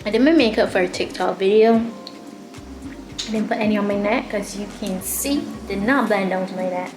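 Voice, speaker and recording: Speaking at normal speed over music, a young vlogger with a mid-range voice and Barbadian accent films herself up close. Her quarantine-room diary sounds tired, dispirited and frustrated, punctuated by sighs.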